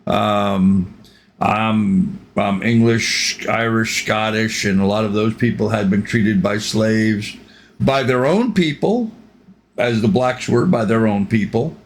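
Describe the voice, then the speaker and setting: A man's voice: fairly low pitch, takes it slowly. An older man hosting a reaction channel, giving rambling, opinionated commentary with frequent ums.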